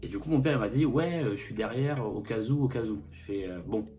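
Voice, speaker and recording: A man's voice: mid-range voice, brisk, mellow. A young man vlogs casually into a phone camera, swearing freely and joking as he rambles. His speech is loose and full of fillers. Faint guitar music plays in the background. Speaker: vlogger. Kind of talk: casual storytime and clothing haul.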